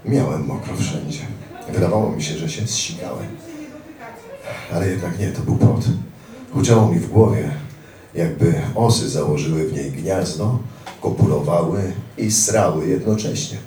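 A very deep, gravelly male voice reads a first-person story with dramatic, profane delivery. His tone is dark, and the sound is distant in an echoey room with faint background noise. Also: moderate pace. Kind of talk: reading a memoir aloud.

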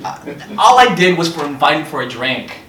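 A man acting a defensive driver squabbling with his friend, reading in a slow, halting way. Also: fairly high pitch, big pitch swings, sharp tone. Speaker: acting student. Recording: roomy classroom audio from far off, noisy.

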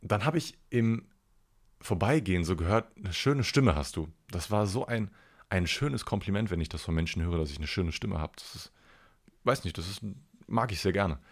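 A man's voice: animated, normal speed. A man hosting a podcast, telling a rambling everyday story in a casual, self-deprecating way and swearing now and then. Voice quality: deep gravelly voice. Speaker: podcast host.

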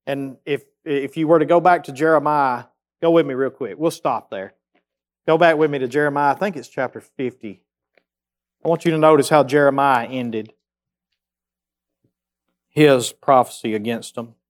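A man preaching a sermon, reading scripture aloud and rising in pitch as he urges his listeners on in a plainspoken, folksy way. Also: moderate pace, long pauses. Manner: reads scripture aloud, rises in pitch when exhorting. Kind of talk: sermon, Bible study teaching.

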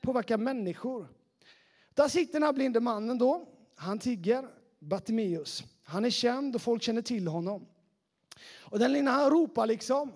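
Man, youth pastor, very high-pitched, casual chatty sermon, lots of fillers, speaking to a church crowd. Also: lively intonation, a little mellow. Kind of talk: lively preaching to a young congregation.

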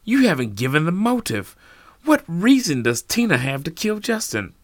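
A man's voice: a little high, big pitch swings, normal speed, no room sound, studio quality, pitched above the performer's own voice. A man voicing a defensive adult man who argues insistently and lays out his reasoning. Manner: insistent, building an argument. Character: defensive adult male host, reasoning urgently.

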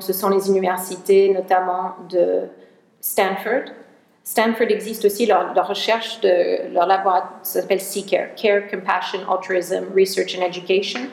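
Researcher lady w/ english-speaking accent, lots of restarts, bit gravelly, echoey hall. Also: mid-range voice, darkish tone. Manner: hesitant, many restarts, mixes in English words. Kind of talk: talk with an audience.

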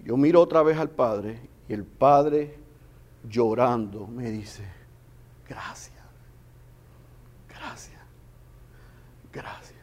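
A man preaching a sermon with passion, swinging between loud emphasis and hushed storytelling. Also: mid-range voice. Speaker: pastor.

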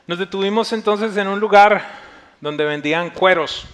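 A man's voice: high-pitched, normal speed, a bit bright. A male pastor preaching a sermon and telling a story vividly, acting out the dialogue as he goes.

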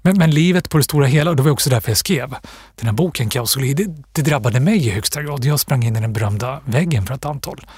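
Breathy man, thoughtful guest. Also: mid-range voice, a little mellow, no room sound, studio quality. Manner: thoughtful, pausing, with restarts and fillers. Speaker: author, guest. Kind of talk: reflective interview talk.

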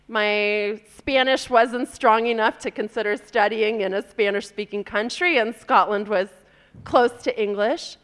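American woman, 30s, event guest, clean resonant tone, slightly high pitch, conversational personal storytelling. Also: fairly bright tone, smooth. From California, United States.

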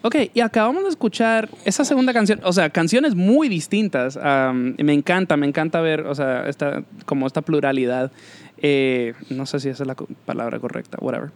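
A man's voice: on the high side, brisk. A man hosting a casual interview, talking hesitantly and dropping English fillers into his speech. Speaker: host.

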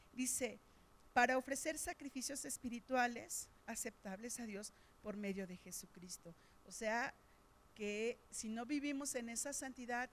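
A woman's voice: on the high side, a little hiss or hum. A middle-aged woman with a Mexican Spanish accent, preaching a sermon in a conversational storytelling way, with frequent fillers.

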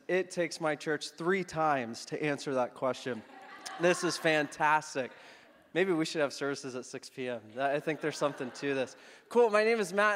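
A guest preacher in his thirties who grew up in the Philippines shares his personal story in an upbeat, joking sermon to the congregation. His voice is fairly high and a bit bright, with slight background noise and long reverb from the church hall.

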